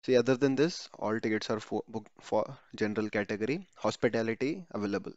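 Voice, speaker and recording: Talking fast in a lowish, darkish voice, a YouTube host casually narrates his screen-recorded tutorial, often stumbling into repeated words and mid-word corrections. The home recording is dry and a bit dull, without echo.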